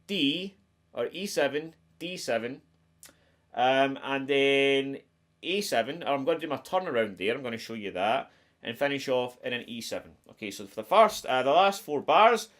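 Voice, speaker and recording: A man's voice: medium pitch, expressive, moderate pace, a bit bright. A middle-aged man with a broad Scottish accent, giving a casual guitar lesson to camera. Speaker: guitar teacher. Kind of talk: casual instructional talk to camera. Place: small attic home music room, indoors. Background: electric guitar playing.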